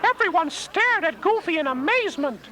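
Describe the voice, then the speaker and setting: A man voicing a small cheerful male cartoon mouse in a squeaky falsetto, narrating and acting in a storybook read-along. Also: very animated, normal speed, pushed and bright, exaggerated voice. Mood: earnest. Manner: earnest, friendly, clear storytelling. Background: music.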